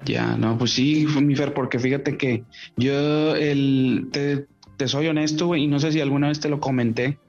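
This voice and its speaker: A man's voice: mid-range voice, steady tone, normal speed, a little mellow, dull audio, faint music behind. A male podcast host, chatting in a chummy, slangy, rambling way. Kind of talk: casual podcast chat.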